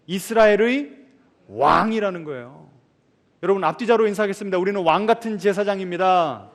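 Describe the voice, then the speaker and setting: A male pastor preaching a sermon, asking the congregation questions and answering them himself, swinging between loud emphasis and soft asides. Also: high voice. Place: large church sanctuary. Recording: long reverb of a large church hall.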